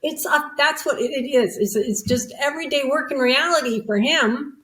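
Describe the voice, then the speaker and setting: A woman telling a personal story as a podcast guest. She is animated and self-mocking, and she acts out the voices of the people she quotes. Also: high-pitched, normal speed, slight background noise, poor audio.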